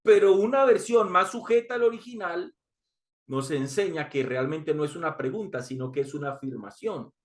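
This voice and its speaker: A man preaching a sermon in a high-pitched voice. He reads scripture aloud and repeats key lines for emphasis. He calls his listeners brothers. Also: lively intonation, normal speed.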